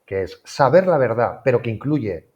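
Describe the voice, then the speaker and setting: A man hosts a relaxed interview and tells an anecdote with a lot of movement in his voice, playing out both sides of the dialogue. The recording sounds dull and lo-fi. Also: medium pitch, moderate pace. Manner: animated storyteller, acts out both sides of dialogue. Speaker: podcast host. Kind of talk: casual interview chat.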